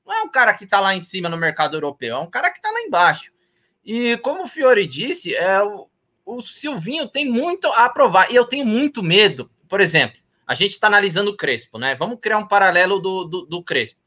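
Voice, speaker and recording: Man, high bright voice, animated, explains with examples, football podcast. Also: fairly quick. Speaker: podcast panelist. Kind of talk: casual football debate.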